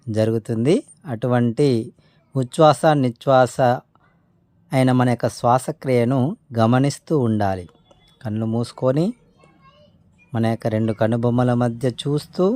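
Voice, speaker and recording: A man giving spoken meditation instruction in a calm, unhurried way, pausing between short phrases. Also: medium pitch, no echo. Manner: respectful formal greeting. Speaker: meditation teacher.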